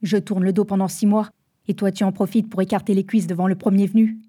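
A woman's voice: medium pitch, little pitch movement, quick pace, dark tone, husky, natural voice. A woman voicing a betrayed young man who speaks coldly and with contempt. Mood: contemptuous. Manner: cold, contemptuous.

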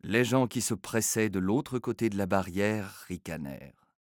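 A man narrating a story in a scripted, expressive and theatrical reading. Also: on the low side, unhurried, no echo, clean studio sound.

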